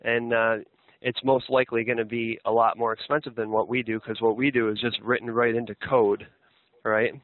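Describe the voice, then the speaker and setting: A man working as a telemarketer gives a hesitant, rambling sales pitch full of fillers, often checking for agreement with short tag questions. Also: little pitch movement, moderate pace. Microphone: telephone. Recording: narrow, tinny phone line.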